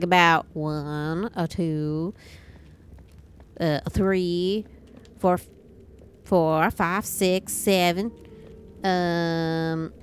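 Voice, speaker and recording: A woman streaming a puzzle game, chatting casually and reading text aloud haltingly, often swearing and stumbling over names. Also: lowish voice, a bit bright, clear, resonant tone. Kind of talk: casual gaming livestream chat.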